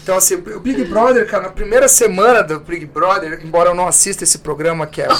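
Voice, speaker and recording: A man on a podcast giving relaxed, frank advice in casual chat, with offhand swearing. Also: high voice, fast talker, slight background noise. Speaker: podcast co-host.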